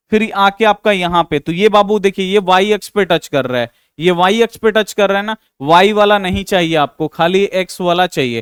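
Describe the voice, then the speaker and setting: Male math tutor, high clean voice, patient and repetitive, dry close recording. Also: clean tone, dry recording. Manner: patient and repetitive, calls students "babu". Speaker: math teacher. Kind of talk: explaining a class 10 math exercise.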